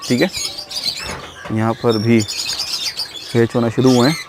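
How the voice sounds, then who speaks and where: A man's voice: mid-range voice, steady tone, background noise. A man giving an unscripted, filler-heavy walkthrough of his bird breeding setup outdoors, commenting casually as he goes. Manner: unscripted, says he talks fast, frequent fillers. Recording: loud bird chatter behind voice. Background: loud birds chirping and squawking.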